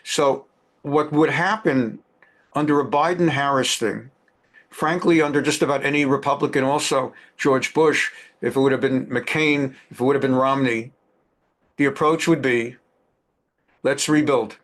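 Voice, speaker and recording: A man's voice: medium pitch, unhurried, fairly bright tone. A man teaching a lecture on current events who talks emphatically and repeats phrases for stress. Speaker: religious teacher.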